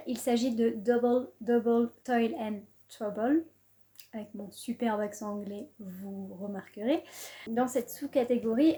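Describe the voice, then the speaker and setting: Young woman, from France, casual book vlog, chatty with fillers, slightly high pitch. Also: warm tone. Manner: chatty, frequent fillers and little laughs. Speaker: booktuber presenting her reading list.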